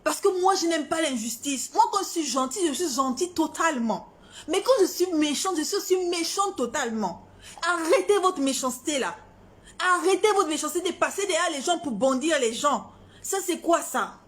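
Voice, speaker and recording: A high-pitched woman from Gabon speaks straight to her audience in a heated rant. She is defiant and confrontational, hammering her points again and again. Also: lively intonation, normal speed. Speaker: singer. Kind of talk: heated social media rant.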